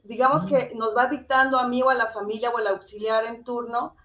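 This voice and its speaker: A woman with a high voice talks as a guest, explaining step by step in a conversational way. She speaks directly to the host, and the sound is a little dull and lo-fi. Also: steady tone, fairly quick, a bit bright. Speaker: interview guest and campaigner.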